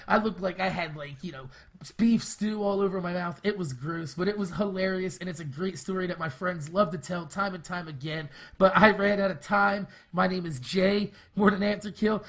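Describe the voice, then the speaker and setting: Gravelly-voiced man telling a profane story. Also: high-pitched, fairly bright tone. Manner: rambling, profane, heavy on filler words. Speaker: gaming video host. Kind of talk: casual storytime over gameplay.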